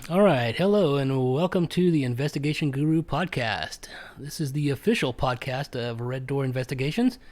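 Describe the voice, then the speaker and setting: A man hosting a casual podcast chat, talking in a halting way with many ums and restarts. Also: mid-range voice, darkish tone. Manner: hesitant, full of ums and restarts. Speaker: podcast host.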